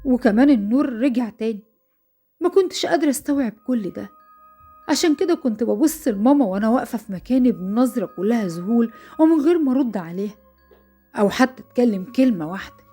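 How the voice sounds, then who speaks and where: A woman's voice: a little high, expressive, fast talker, mellow, faint music behind. A young woman with an Egyptian Arabic accent narrating a first-person horror story, breathless and fearful.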